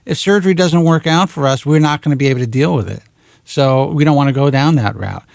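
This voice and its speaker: Blunt, gravelly-voiced radio host man. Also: a little high, quick pace, a little mellow, no room sound, studio quality. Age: 40s. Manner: frank, blunt, swears casually. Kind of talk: talk radio conversation.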